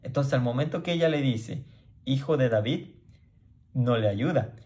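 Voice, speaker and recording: A man's voice: medium pitch, moderate pace, darkish tone. A man teaching a Bible passage informally, often checking in with the listener and restarting his sentences. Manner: conversational, frequent "¿sí?" checks, restarts; acts out crowd voices in quoted lines.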